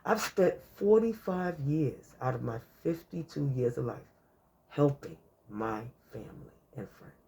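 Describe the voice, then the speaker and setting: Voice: mid-range voice, animated, unhurried, gravelly, dark tone. A speaker in their fifties giving casual life advice to camera, talking conversationally, repeating points and stacking long lists of examples. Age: 50s. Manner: conversational, repetitive, peppered with "you know". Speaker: advice vlogger.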